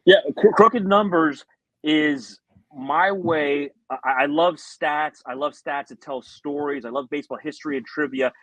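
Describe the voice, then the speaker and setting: A middle-aged American man from South Florida, once a baseball radio announcer, tells stories conversationally as a guest on a podcast. His voice is fairly high and a bit bright, and he speaks unhurriedly. The recording is dry and of poor quality.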